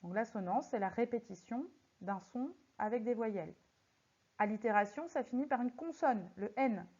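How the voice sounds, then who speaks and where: A woman teaching a recorded lesson on poetry, speaking slowly and deliberately and stressing words syllable by syllable as she works through exercises. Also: on the high side, animated, mellow. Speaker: French teacher. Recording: slightly muffled lo-fi audio.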